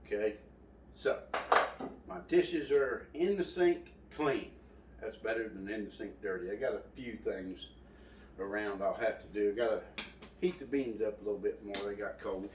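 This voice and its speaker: A man's voice: on the low side, moderate pace, darkish tone, distant mic, slight background noise. A man hosting a home cooking video, folksy and rambling as he talks to his viewers. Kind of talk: casual cooking vlog. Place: home kitchen. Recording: echoey room, voice from off the mic.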